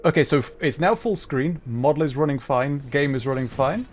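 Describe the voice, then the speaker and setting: While troubleshooting during a casual gaming livestream, the male host keeps apologizing and making fun of himself in a flustered way. He talks briskly and animatedly at a slightly high pitch, with a little hiss or hum on the audio.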